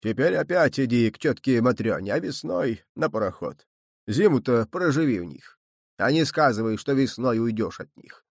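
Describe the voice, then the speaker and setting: A man doing a shrill scolding old grandfather. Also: lively intonation, moderate pace, gravelly, no room sound, clean studio sound. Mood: lecturing. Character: stern mocking old grandfather.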